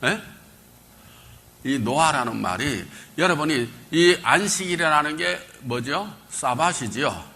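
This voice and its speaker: A male pastor giving a Bible lecture, quizzing his congregation and calling for answers, swinging between loud bursts and quiet asides. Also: on the high side, lively intonation, a little slow. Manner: quizzes the congregation, call and response.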